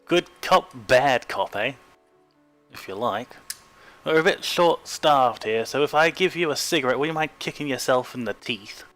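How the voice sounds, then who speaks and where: A man's voice: mid-range voice, lively intonation, normal speed, fairly bright tone, faint music behind, pitched above the performer's own voice, lightly acted. A man playing a cocky, sarcastic man goading someone, in a broad Australian accent. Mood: taunting.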